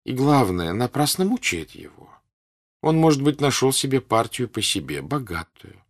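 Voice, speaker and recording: A man doing a gentle older noblewoman. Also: mid-range voice, pitched above the performer's own voice. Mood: gently reproving. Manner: calm, unhurried, gently reproving. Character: gentle older noblewoman, tender and patient mother. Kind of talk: audiobook character voice.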